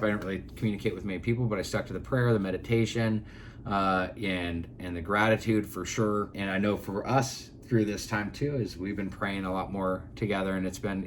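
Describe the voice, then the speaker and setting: A man in his thirties with a somewhat low voice co-hosts a relaxed podcast conversation. He talks earnestly and loosely, circling back with fillers and restarts. A faint hiss sits under the recording. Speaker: podcast co-host. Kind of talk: casual chat.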